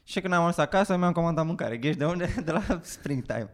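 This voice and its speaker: A man co-hosting a casual podcast, telling a story with lively acted-out dialogue and frequent laughter. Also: on the high side. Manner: animated storytelling, acts out dialogue, laughs often. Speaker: podcast host. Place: Bucharest.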